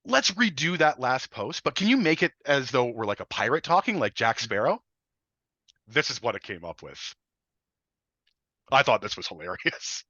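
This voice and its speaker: An enthusiastic man co-hosts a webinar, explaining in a casual way and often restarting phrases. His bright voice swings widely in pitch. The sound is dry and slightly dull, like a lo-fi recording. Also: big pitch swings, moderate pace, no room sound. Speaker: webinar co-host.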